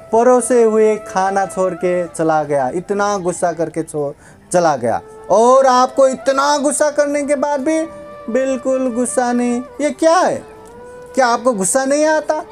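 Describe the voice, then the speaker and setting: Guy doing brahmin dude all worked up and questioning, high voice, slow, soft music. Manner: indignant, questioning. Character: angry, bewildered Brahmin man.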